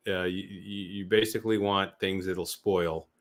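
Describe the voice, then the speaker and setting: A man's voice: sits low, steady tone, a little slow. A man speaking as a guest in a casual live Q&A, emphatic and to the point.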